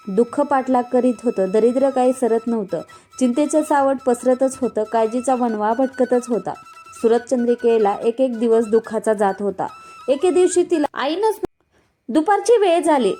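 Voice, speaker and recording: A woman reading a devotional folk story aloud in a steady, expressive storytelling manner. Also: fairly high pitch. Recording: faint background music.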